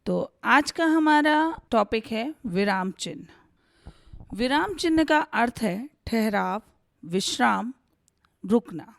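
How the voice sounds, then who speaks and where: Slow, gravelly-voiced woman teaching grammar. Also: a little high, expressive, no room sound. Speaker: Hindi teacher. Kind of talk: slow, deliberate grammar lesson.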